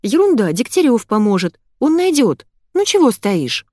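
A woman voicing an excitable, naive teenage girl in an audiobook, loud and eager. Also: on the high side, normal speed, no echo, voice pushed up. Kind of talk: audiobook character voice.

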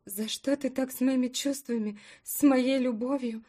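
A woman's voice: high-pitched, steady tone, normal speed, dark tone, voice pushed up. A woman narrator voices a heartbroken young wife pleading in a raised voice. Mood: desperate. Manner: pleading, rising to desperate cries.

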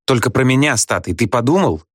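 A man reading a story aloud, voicing a bitter, scornful young wife who scolds her husband in quick reproachful outbursts. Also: medium pitch, lively intonation, no echo, clean studio sound, pitched above the performer's own voice, natural voice. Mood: scolding.

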